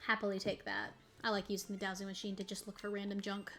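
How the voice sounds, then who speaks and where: A woman's voice: medium pitch, little pitch movement, fast talker, a bit bright, soft background music. A woman streaming a video game, chatting casually and rambling as she plays, often breaking into laughter. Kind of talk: casual gaming commentary.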